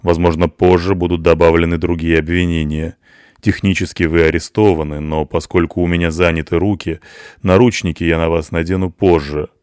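A man voicing a calm, firm police enforcer in an audiobook, speaking slowly and formally. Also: deep voice, clean tone, no room sound, studio quality, close to an everyday voice.

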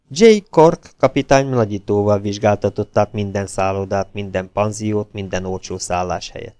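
A man reads a crime novel aloud with a steady storyteller's delivery. His voice has a gravelly edge and sits close and dry against the microphone, with no room sound around it. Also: fairly low pitch, no room sound. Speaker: audiobook narrator. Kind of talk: audiobook narration.

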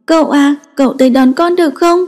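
A woman's voice: high-pitched, steady tone, brisk, darkish tone, voice pushed up, lightly acted. A woman voicing a stubborn, sulky little boy who pleads in a raised voice. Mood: pleading.

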